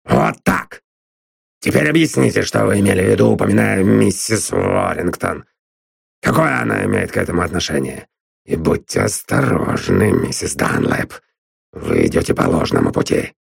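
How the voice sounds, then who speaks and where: A man's voice: low-pitched, lively intonation, normal speed, gravelly, husky, no echo, studio quality, heavily acted. A man doing a growling, bullying thug in a storybook. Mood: sneering. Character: gruff, sneering middle-aged male blackmailer.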